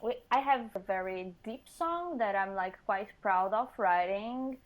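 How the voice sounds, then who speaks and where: A singer from Portugal, a woman, talks earnestly as a guest in a casual interview chat, laughing often and using slightly non-native phrasing. Her medium-pitched voice has lively intonation and a measured pace.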